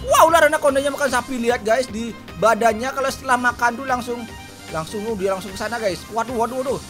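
A woman hosting a gameplay video, commentating loudly and shrieking in mock panic. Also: fairly high pitch, quick pace. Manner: shrieks and shouts in mock panic, talks to viewers. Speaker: gaming video host. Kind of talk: excited Minecraft gameplay commentary. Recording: loud game music behind.

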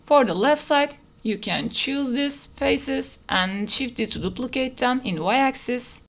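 This is a screen-recording voice-over in which a woman explains 3D modeling one step at a time in plain terms. She sounds animated, her voice sitting high and her delivery slow.

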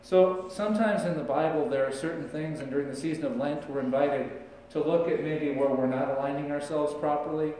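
The preacher, a middle-aged pastor, talks fairly quickly with few pauses in a dark-toned, fairly high voice, chatting conversationally and gesturing through his sermon. A distant camera with no visible microphone captures him in a large church sanctuary, leaving the sound echoey and far off.

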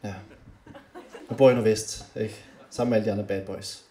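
A young man doing stand-up comedy on a club stage, animated and often shouting his punchlines. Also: lowish voice. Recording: roomy club with faint noise.

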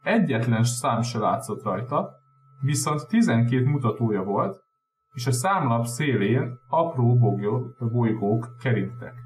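A native Hungarian-speaking man narrating an audiobook with steady storytelling. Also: mid-range voice. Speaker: audiobook reader. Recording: roomy echo, faint hum.

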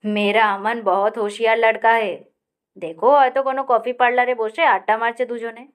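A woman doing a loud jovial middle-aged man. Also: steady tone, moderate pace, clear, resonant tone, close to an everyday voice. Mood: hearty. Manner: booming, mixes Hindi and English into Bengali.

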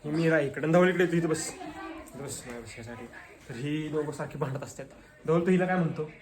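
A man's voice: on the high side, fairly quick, a crowd in the background. A man vlogging casually at a family home, playfully coaxing the children to talk. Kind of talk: casual home vlog chat.

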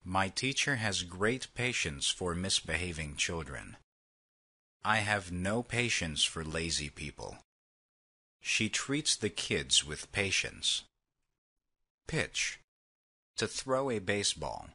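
Slow husky deep male reader. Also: sing-song, pushed and bright. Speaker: vocabulary lesson reader. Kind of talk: slow read example sentences.

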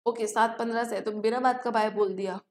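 A woman's voice: fairly high pitch, fairly even intonation, a little fast, darkish tone, reverberant. Chatty Indian woman teaching online. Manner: chatty, mixes Hindi and English, addresses students as beta. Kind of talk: live online class. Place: home.

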